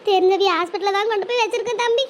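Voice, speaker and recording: A woman's voice: extremely high pitch, rapid-fire, a little hiss or hum. A woman voicing an anxious middle-aged village woman in a cartoon drama, going over her worries at length. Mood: pleading.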